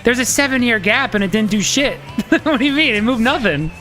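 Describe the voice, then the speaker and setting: A man's voice: very high voice, lively intonation, fairly quick, music in the background. A man in his thirties, co-host of a casual podcast, arguing his point heatedly and swearing freely. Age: 30s.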